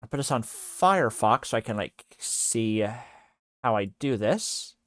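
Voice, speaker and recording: Halting, mumbling male streamer. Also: mid-range voice, lively intonation, a bit bright, dry recording, studio quality. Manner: halting, many fillers, trailing off mid-sentence. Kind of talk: casual livestream chat while working on 3D art.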